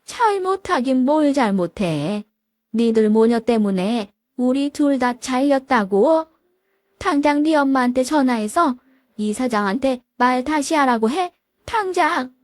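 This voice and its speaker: A domineering, snobbish mother-in-law who barks and scolds in a storybook drama, as a woman voices her. The delivery is lively and up close, with a dry sound. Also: high-pitched, unhurried, no echo. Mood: scolding. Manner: bossy, scolding. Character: bossy snobbish older mother-in-law, shouting.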